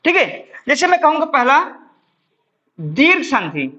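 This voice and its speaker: A man teaching grammar in a bright, sharp voice whose pitch swings widely as he talks. He asks his own questions, answers them himself, and keeps checking in with "ठीक है". The recording sounds dull and lo-fi. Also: wildly swooping pitch, unhurried. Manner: addresses viewers as friends, explains step by step. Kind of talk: exam-prep classroom lesson.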